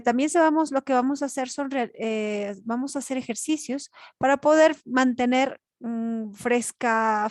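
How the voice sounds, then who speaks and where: A woman's voice: fairly high pitch, a little mellow, no room sound, clean studio sound. A woman teacher giving a spoken grammar lesson, explaining step by step and checking in with rhetorical questions.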